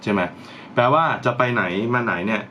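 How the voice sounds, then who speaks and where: A gear-reviewing vlogger with a voice on the low side speaks briskly in a bright, forceful tone. He's chatty, unboxing and trying out equipment for his channel while thinking aloud, with slight background noise.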